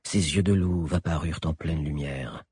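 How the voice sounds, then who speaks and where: A man's voice: a bass voice, normal speed, a little mellow, husky, no room sound, studio quality. A man narrating an adventure story as an audiobook, telling it expressively. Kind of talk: scripted narration.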